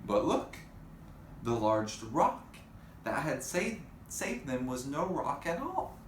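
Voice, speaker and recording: Big swings in pitch mark this man's mid-range voice as he slowly and expressively reads a storybook to kids, stopping for chatty comments to them. Faint background noise and echo are present.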